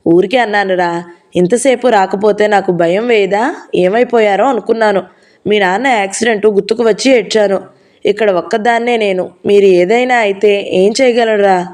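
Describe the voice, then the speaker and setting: A woman voicing a grumbling, soft-hearted old grandmother in an audio novel, with shrill, nagging complaints. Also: moderate pace, lightly acted. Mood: worried.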